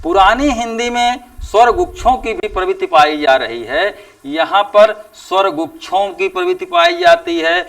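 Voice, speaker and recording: A male teacher giving a classroom lecture, speaking slowly and deliberately and drawing out example sounds with emphatic rises. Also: very high voice, very animated, creaky, fairly bright tone, distant mic. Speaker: Hindi teacher.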